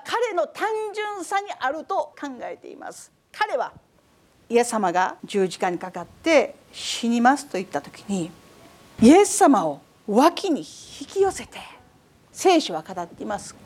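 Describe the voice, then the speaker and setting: A woman preacher giving a sermon in an animated way, often asking the audience questions. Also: high-pitched.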